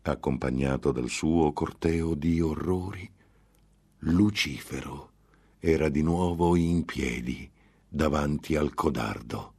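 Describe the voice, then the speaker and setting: A man narrating a gothic novel in a grave, measured dramatic reading. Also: rumbling low, creaky, a little mellow, slightly rough. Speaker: audiobook narrator.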